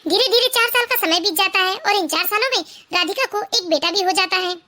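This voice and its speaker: A woman narrating an animated family story in an even storytelling voice. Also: very high voice, a little fast.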